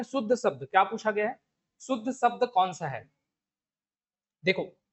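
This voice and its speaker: A man's voice: sits high, fairly bright tone, highs cut off. A man teaching a Hindi spelling lesson online with a Chhattisgarhi Hindi accent, going through the options step by step and repeating key words. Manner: explains step by step, repeats the question and the answer over and over. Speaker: exam coaching teacher.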